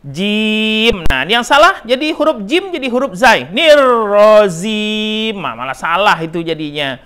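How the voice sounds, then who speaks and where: A man's voice: high-pitched, sing-song, brisk, pushed and bright. A middle-aged man with an Indonesian accent teaches Quran recitation, drawing out syllables to demonstrate and repeating right and wrong forms, with frequent "nah" and "ya" checks. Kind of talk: Quran pronunciation lesson.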